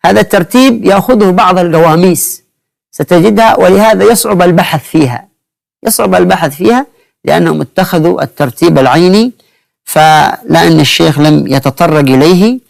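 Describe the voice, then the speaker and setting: A man's voice: on the high side, fairly quick, creaky. A man teaching a spelling lesson, patient, repeating key points as he counts through lists.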